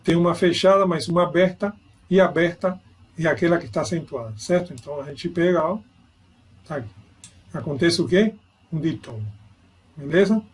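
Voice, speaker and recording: A man's voice: a little high, normal speed, pauses often, husky. A man giving an online grammar lesson, explaining step by step and checking in with his students. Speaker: Spanish teacher.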